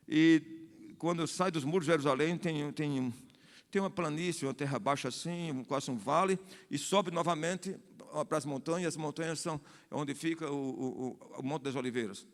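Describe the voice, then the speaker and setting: Brazilian pastor in a reverberant church. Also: male voice, fairly high pitch, normal speed. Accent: Brazilian Portuguese. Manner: explanatory, repeats and restarts phrases, asks the congregation "né?". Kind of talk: Bible study sermon. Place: church hall. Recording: long hall reverb.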